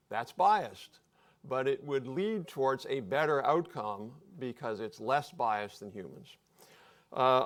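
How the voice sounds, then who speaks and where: A man speaking as a panelist at a live public discussion, explaining points in an offhand, joking way. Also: mid-range voice.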